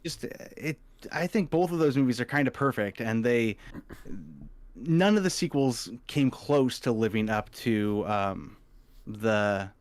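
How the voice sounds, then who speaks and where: Guy rambling about movies on a podcast, mid pitch, sudden high jumps, dry close sound. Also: measured pace, no room sound. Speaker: podcast co-host. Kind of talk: casual movie podcast chat.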